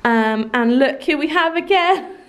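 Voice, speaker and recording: A thirty-something woman from England vlogs a casual tour of an empty house, her voice sitting high with lively intonation and a slow pace. Filming handheld at arm's length, she sounds chatty and fond, dropping lots of ums and likes.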